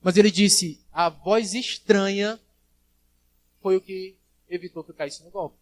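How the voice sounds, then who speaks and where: A man preaching a sermon as pastor at a church service, swinging from loud calls to quiet asides and acting out the voices he quotes. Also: sits high, fairly even intonation, a little slow, no room sound.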